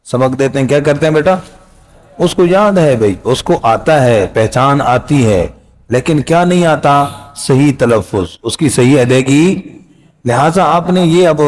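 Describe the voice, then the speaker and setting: A middle-aged man gives a relaxed, patient lesson on pronouncing letters. He repeats each phrase and stretches the sounds out so learners can copy him. His voice sits at an ordinary pitch. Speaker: Quran recitation teacher. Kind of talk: casual spoken lesson.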